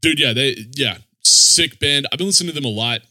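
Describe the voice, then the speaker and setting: A man's voice: medium pitch, fairly quick, sharp tone, no echo, clean studio sound. A man chatting casually as a music podcast host in slangy, swearing bro talk. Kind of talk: casual chat.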